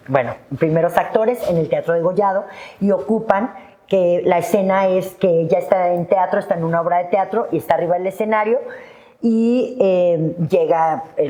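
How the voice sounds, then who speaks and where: A middle-aged woman tells an emotional personal story as a podcast guest. Her voice sits slightly low. She breaks into high-pitched bursts whenever she acts out her own words from that day. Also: warm tone.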